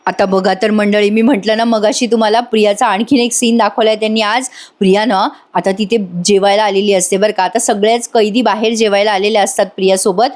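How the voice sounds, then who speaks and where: A woman's voice: medium pitch, fairly even intonation, fairly quick, hardly any pauses, a little mellow. A woman doing a voice-over recap of a TV serial episode, chatting directly with her viewers. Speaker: TV serial reviewer.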